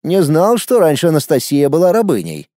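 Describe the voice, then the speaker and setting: Man doing a smug young ladies' man, raised voice, lively sly sing-song, teasing and pushy, dry close sound. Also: a little high, fairly quick, no room sound. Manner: sarcastic, insistent, teasing. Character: smug, nosy young man, self-styled ladies' expert.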